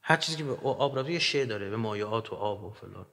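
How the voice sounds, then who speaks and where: Lively male lecturer in a reverberant hall. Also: fairly low pitch, gravelly. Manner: animated, joking, swings between loud and quiet. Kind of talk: religious lecture.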